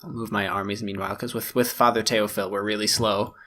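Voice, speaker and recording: A man's voice: fairly low pitch, flat delivery, a little fast, a bit bright. A man giving casual, chatty let's-play commentary on a strategy game, thinking aloud and making fun of himself. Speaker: gaming YouTuber.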